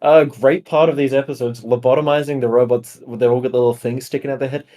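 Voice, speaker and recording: A man's voice: mid-range voice, steady tone, quick pace, mellow. Chill guy on a review podcast, slangy, amused, talks pretty loose. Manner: laid-back, slangy, amused. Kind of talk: casual chat.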